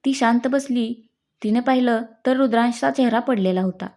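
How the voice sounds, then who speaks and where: Woman storyteller, Marathi accent, fairly high voice, mellow tone, scripted narration. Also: normal speed. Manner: reads every character's lines in her own voice.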